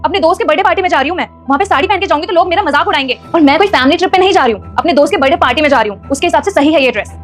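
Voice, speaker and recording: A woman's voice: sits high, lively intonation, racing, few pauses, faint music behind. A woman playing a defiant, stubborn young bride in a family drama skit, arguing with indignant retorts.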